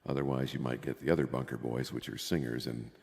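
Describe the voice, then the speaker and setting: A man's voice: very deep voice, steady tone, fast talker, gravelly, a little mellow. An older man hosting a podcast in casual chat, his voice soaked in cave-like reverb. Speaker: podcast host.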